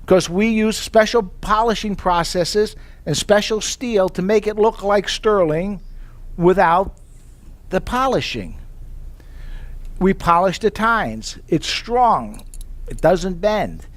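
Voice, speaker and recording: A sales presenter pitches tableware to a live audience, his voice slightly raised, animated, and slow. He tells chatty personal stories full of rhetorical questions, quotes his own past thoughts in little asides, and keeps checking in with listeners.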